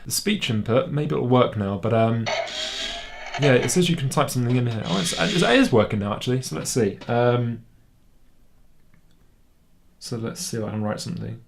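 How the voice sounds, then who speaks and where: A man's voice: medium pitch, expressive, moderate pace, creaky, pauses often, noisy background. A man with a British accent giving a casual, sceptical toy review at home. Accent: British English. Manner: sceptical, wry and conversational.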